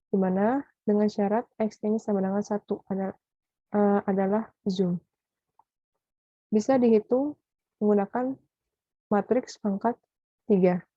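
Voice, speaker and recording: A woman's voice: mid-range voice, no room sound. Woman reading math examples, dull recording. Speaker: student presenter. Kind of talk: reading worked probability examples aloud.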